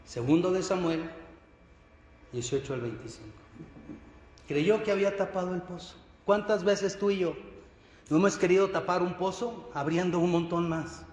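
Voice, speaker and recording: A man preaching a sermon as pastor, telling a Bible story with lively acted-out dialogue. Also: high-pitched, moderate pace, pauses often. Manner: dramatic storytelling, acting out dialogue. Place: church hall. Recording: echoey church hall, faint ambience.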